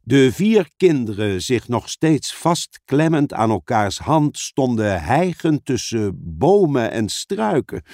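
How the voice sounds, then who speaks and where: A man narrating a children's fantasy audiobook with expressive storytelling. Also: medium pitch, no echo, studio quality.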